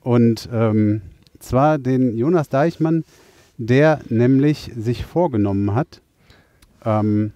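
A man from the Rhineland co-hosting a casual podcast chat from inside a car, hesitant with many fillers and animated when he protests. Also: medium pitch, slow, no room sound. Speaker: podcast co-host. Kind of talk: casual chat among friends.

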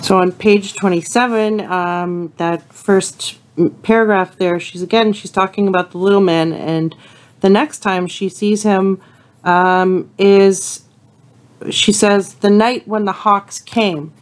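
A woman reading passages from a novel aloud and summarizing the chapters as a teacher, unhurried, with frequent ums between passages. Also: medium pitch, steady tone.

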